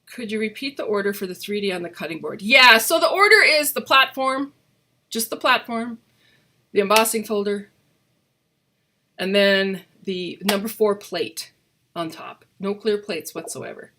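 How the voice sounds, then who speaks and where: A woman's voice: mid-range voice, lively intonation, normal speed, bright, forceful tone. A middle-aged woman chatting enthusiastically and ramblingly as she hosts a casual live craft tutorial, with a hollow, cave-like off-mic sound. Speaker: crafting host and demonstrator.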